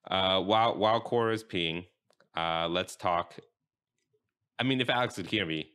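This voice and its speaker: A young man hosts a casual podcast from a desk microphone, rambling and halting with plenty of fillers. His voice is low and bright with a clear, smooth tone, and he takes his time. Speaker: podcast host.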